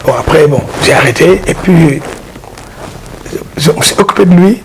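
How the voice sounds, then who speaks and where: High, gravelly man, halting talk. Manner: halting, repeats words while explaining. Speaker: art dealer and collector. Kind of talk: casual explanatory interview. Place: exhibition hall with his collection. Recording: noisy background hiss.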